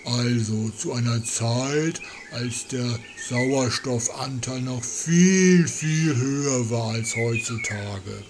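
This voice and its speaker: A man channeling a slow, solemn tree spirit. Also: mid-range voice, background noise. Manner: slow, measured, earnest. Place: outdoors with birds and crickets. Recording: loud birds and insects behind.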